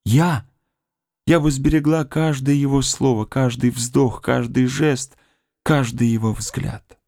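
A man's voice: mid-range voice, measured pace, creaky, warm tone, no room sound, clean studio sound, voice pushed up. A man reading the part of a grieving young woman who mourns her dead fiancé, pleading and tearful. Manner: pleading, tearful, rising to cries. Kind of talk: audiobook character reading.

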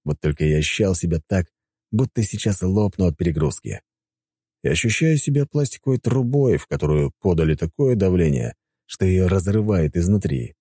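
A male audiobook narrator telling a fantasy story in the first person, with dry, ironic asides. His voice is deep and mellow. The recording is dry and close. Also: a little fast, breathy edge, dry recording.

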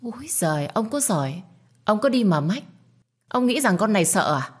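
A woman voicing a spiteful, bratty young woman in a storybook reading, with a shrill, taunting, whiny delivery. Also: very animated, normal speed, husky.

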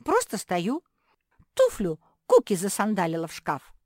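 A woman's voice: medium pitch, wildly swooping pitch, a little mellow, no echo, clean studio sound, pitched above the performer's own voice. A woman voicing a naive, chatty young female pug who blurts things out, in a storybook reading. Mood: puzzled. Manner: eager, blurts things out quickly. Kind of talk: storybook character voice.

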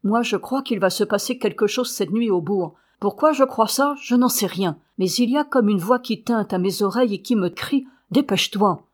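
A woman voicing a grim, brooding one-armed young male sergeant in an audiobook, speaking slowly and measuredly. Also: mid-range voice, lightly acted. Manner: slow, measured.

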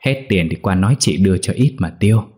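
A man voicing a gruff but caring older brother who gives brusque orders. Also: on the low side, lively intonation, fast talker, a little mellow, natural voice. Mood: gruff kind. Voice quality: brusque, bossy.

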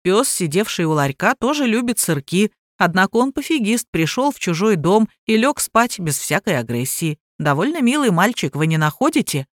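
A woman reading an audiobook voices a calm, sarcastic police major who gives dry, mocking orders. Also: medium pitch, moderate pace, hardly any pauses, dry recording, close to an everyday voice.

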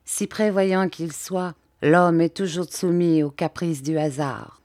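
A woman's voice: lowish voice, fairly even intonation, darkish tone, no echo, clean studio sound. A woman voicing a composed, formal English male scientist in an audiobook reading. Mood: grave. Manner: measured, formal speech.

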